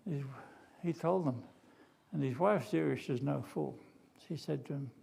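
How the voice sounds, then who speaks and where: Older preacher with a gravelly voice. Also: male voice, fairly high pitch, unhurried. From Australia. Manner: animated, dramatic storytelling with acted quotes and humor. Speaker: pastor. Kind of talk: sermon storytelling. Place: church.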